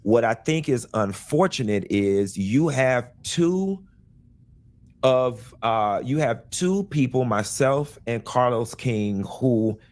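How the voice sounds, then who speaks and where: A man earnestly explaining his side of a public dispute, now and then breaking into animated exclaimed asides. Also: mid-range voice, slow pace. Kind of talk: clip of a personal video statement.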